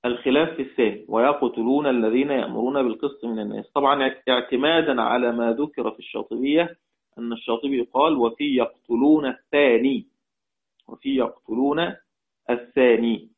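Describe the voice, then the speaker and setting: A man's voice: medium pitch, brisk. A man with an Egyptian accent teaching a lesson on Quranic readings, explaining step by step, putting questions to his class and repeating key phrases. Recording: tinny phone-like audio.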